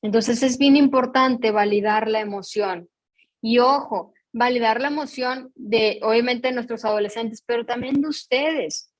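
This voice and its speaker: A woman's voice: a little high, a little slow. A woman with a Mexican accent leading an emotional education workshop, explaining patiently and often checking in with her audience. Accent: Mexican Spanish. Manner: explanatory, asks the audience frequent checking questions; reads out picture dialogues in a storytelling tone. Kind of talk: online workshop talk.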